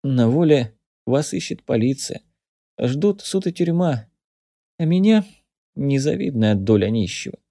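A man's voice: mid-range voice, expressive, a little slow, gravelly, mellow, no room sound, studio quality. A man voicing a beaten young man under twenty who is gloomy, guilt-ridden and short of breath from coughing. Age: teens. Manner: wheezing, coughing through his words.

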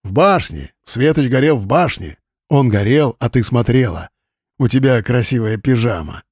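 A man voicing a grown village simpleton with a slow, singsong, childlike way of talking in an audiobook. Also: medium pitch, animated, a little mellow, husky, no room sound, studio quality. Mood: eerie.

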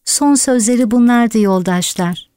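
A woman's voice: on the high side, a little slow, mellow, dry recording, close to an everyday voice. Lady doing sneaky pig guy talking all solemn and convincing, dry close audio. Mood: mournful persuasive. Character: sly smooth-talking male pig propagandist.

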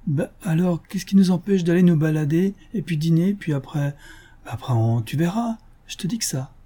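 A saucy young Parisian cocotte, put on by a man reading aloud, teasing and slangy, her voice pitched well above his own and lively. The tone stays husky and warm underneath, with a playful, mocking lilt. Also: normal speed. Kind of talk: audiobook character voice.

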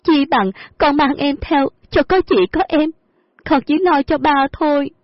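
A woman's voice: high-pitched, fairly even intonation, unhurried, dry recording, voice pushed up. A woman voicing a devoted young teenage girl who pleads earnestly, in a dull lo-fi audio story with faint music behind. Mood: pleading.

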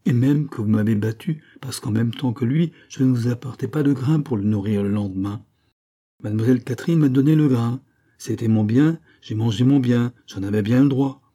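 A man's voice: medium pitch, moderate pace, warm tone, close to an everyday voice. A man reading a novel aloud, voicing a cheeky young man who talks with mocking, pompous grandeur.

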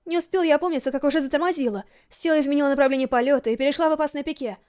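A woman narrates a first-person novel as an audiobook, telling the story dramatically and with strong emotion. Her voice is high-pitched and she races along.

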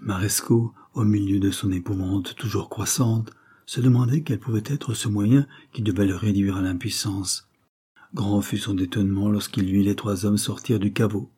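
Male audiobook narrator: low, dark, husky, steady. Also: normal speed. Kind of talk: scripted narration of a novel.

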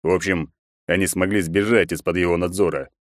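A man narrating an audiobook in a steady, measured reading. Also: low voice, no echo, clean studio sound. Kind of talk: scripted narration.

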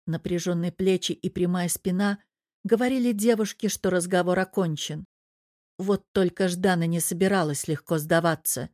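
A woman reading a novel aloud in a steady storytelling voice, pitched fairly low. She is recorded close to the mic, and the sound is dry, with no room echo. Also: normal speed. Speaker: audiobook narrator. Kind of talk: scripted narration of a romance novel.

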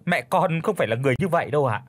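A man's voice: on the high side, lively intonation, rapid-fire, no echo. A man voicing a meek young daughter-in-law of thirty who stammers politely and pleads. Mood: timid. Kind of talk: audiobook character voice.

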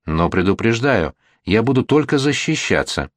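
A man reading an audiobook voices a calm, self-assured gentleman who speaks in a composed, reasoning way. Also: fairly low pitch, moderate pace, no room sound.

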